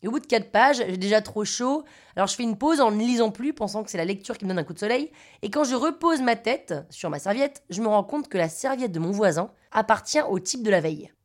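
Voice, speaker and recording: A woman's voice: medium pitch, animated, brisk. A woman with a Parisian French accent narrating a personal story, wry, self-mocking and conversational. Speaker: podcast storyteller.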